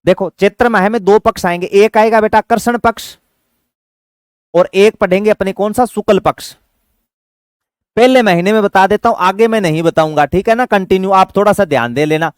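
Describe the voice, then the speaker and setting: A man leads an exam-prep lesson in a high-pitched, clear, resonant voice with no echo. Fatherly toward his students, he asks questions, answers them himself, and slowly chants memory tricks.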